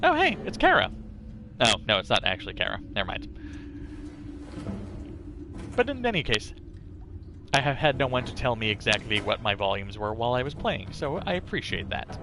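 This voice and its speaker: A man's voice: lowish voice, sing-song, moderate pace, pauses often, background noise. A man doing casual live game-stream commentary, chatting and thinking aloud as he plays. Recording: music behind the voice. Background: music.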